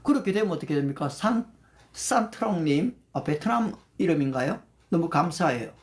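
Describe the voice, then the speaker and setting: An older man's fairly high-pitched voice bounces up and down with energy as he leads a prayer meeting over livestream. He pauses his pace to read Bible verses slowly in English, and he names viewers one by one in thanks throughout the devotional talk.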